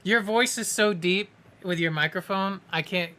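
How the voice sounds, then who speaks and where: A man's voice: high-pitched, moderate pace, bright, forceful tone. A man acting as game master, narrating and chatting with players in a tabletop game, with casual asides and self-corrections.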